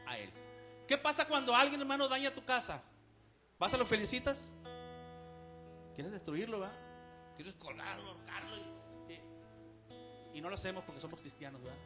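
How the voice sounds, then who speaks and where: A man's voice: high voice, sharp tone. A man with a Mexican Spanish accent preaching a sermon to his congregation, asking them questions and saying amen often. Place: church service, live stream.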